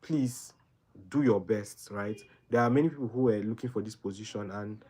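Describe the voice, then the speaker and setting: A young Nigerian man answers questions during a livestream in a fairly low, slightly mellow voice with a breathy edge, at normal speed. Earnest and rambling, he repeats himself and keeps appending "right?".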